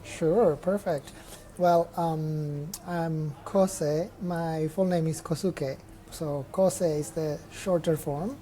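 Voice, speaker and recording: A man's voice: on the high side, fairly even intonation, slow pace, warm tone. A young man from Mexico, a trail runner guest in a casual interview, talking openly and reflectively with restarts as he thinks. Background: faint chatter of people nearby.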